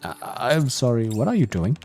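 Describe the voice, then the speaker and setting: A man reading a calm, reassuring commander. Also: medium pitch, a little fast, vocal fry, breathy edge, soft background music, full character voice. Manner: steady, reassuring.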